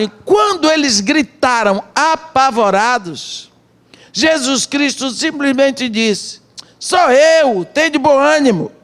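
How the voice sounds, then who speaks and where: A middle-aged woman with a Brazilian Portuguese accent, preaching a sermon as a missionary and telling the story dramatically in short, measured phrases. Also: a little high.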